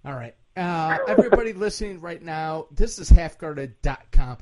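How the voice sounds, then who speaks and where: A man's voice: fairly high pitch, lively intonation, moderate pace, a crowd in the background. A drunk man with hiccups hosting a casual podcast, rambling crudely and swearing heavily. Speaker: podcast host. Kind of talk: casual profane podcast chat.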